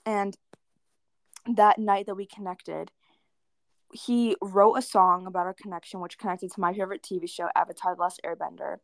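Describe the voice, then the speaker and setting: A woman's voice: medium pitch, steady tone, normal speed, creaky, no room sound. Young female co-host, casual and giggly, dead-dry recording. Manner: giggly, gushing, trails off with "like". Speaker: podcast co-host. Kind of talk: casual chat.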